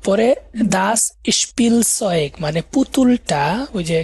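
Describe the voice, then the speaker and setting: A male language instructor giving a live grammar lesson, explaining step by step, repeating key words and slowing down to break words into syllables. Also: high-pitched, expressive, darkish tone, breathy edge, no room sound.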